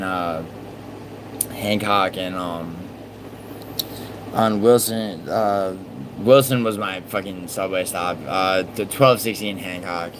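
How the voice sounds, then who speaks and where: With background noise behind his deep voice, an Italian-born, New York-raised livestream host chats casually with viewers and reads their messages. He curses frequently, wanders between topics, and leaves sentences unfinished.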